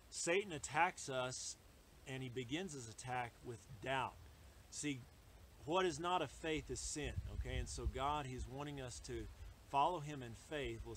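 A man preaching a sermon in a halting way, with many fillers and restarts. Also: medium pitch, a bit bright, a little hiss or hum. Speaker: pastor.

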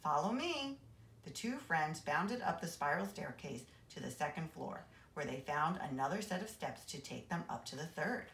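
Brief: school administrator reading aloud, low lively voice, echoey room. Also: female voice, moderate pace, few pauses. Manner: expressive, animated reading. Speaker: assistant principal reading aloud. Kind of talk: reading a children's novel aloud. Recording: roomy echo.

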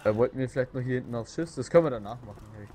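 A man's voice: medium pitch, racing, dark tone. A man playing a co-op shooter with friends, explaining game mechanics in a hesitant way with many fillers. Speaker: let's play co-player. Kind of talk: casual co-op gaming chat.

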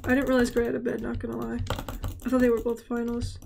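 A gaming channel host with a stuffy, congested nasal voice rambles and stammers to herself through casual gameplay commentary. Her voice is a little high, monotone and gravelly, she talks fast, and there's background noise.

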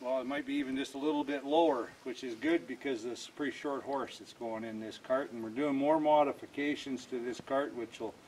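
Man calmly explaining a workshop job. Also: medium pitch, brisk, hardly any pauses, a little hiss or hum. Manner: plain, step-by-step, narrating his own actions. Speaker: cart builder demonstrating an install. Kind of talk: hands-on how-to demonstration.

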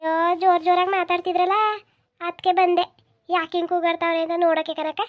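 A high, shrill village housewife from a cartoon, voiced by a woman, nagging and complaining. She scolds and grumbles about housework without pause. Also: level tone, dull audio. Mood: chatty. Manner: scolding, complaining sing-song. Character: nagging village housewife, busy and sharp-tongued. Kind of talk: comedy cartoon dubbing.

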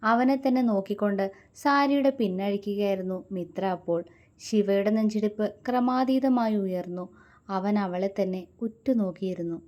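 A woman narrating a romance story in a steady, measured reading voice. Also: medium pitch.

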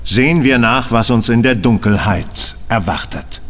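An actor playing Sherlock Holmes, a shrewd, self-assured gentleman detective, speaking precisely in a radio-play style. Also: mid-range voice, a little slow, long reverb tail, a little hiss or hum, natural voice. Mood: focused. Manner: precise, lecturing.

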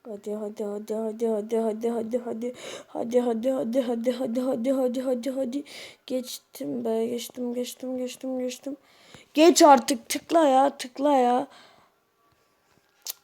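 Young woman yelling and muttering at a hard game, high voice but mellow. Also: little pitch movement, moderate pace. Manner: exasperated, exclaiming, muttering to herself. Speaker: gaming video creator. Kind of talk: casual gameplay commentary.

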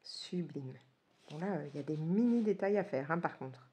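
A woman's voice: sits low, expressive, quick pace, warm tone. A woman from France in her forties, chatting casually and gushing as she flips through coloring books, with lots of hesitations. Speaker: coloring book reviewer. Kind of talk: casual book flip-through commentary.

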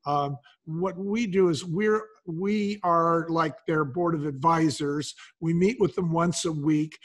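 This older man, a business advisor on a podcast, speaks slowly in a high-side, fairly bright, steady voice. He explains matters point by point in a conversational interview, sprinkling in colloquial asides.

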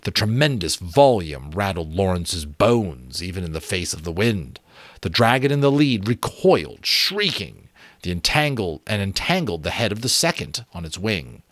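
Close to a desk mic in his small, bookshelf-filled home room, this thirties-aged audiobook narrator reads an adventure story with great expression and the odd minor slip. The voice is low yet a bit bright, very animated, delivered at a normal speed, and free of echo.

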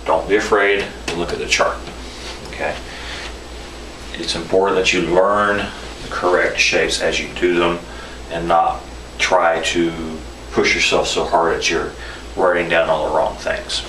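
A man's voice: low voice, little pitch movement, a little slow. A middle-aged man giving an informal instructional demonstration as a teacher. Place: small indoor room at a whiteboard. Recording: echoey room, distant mic, faint noise.

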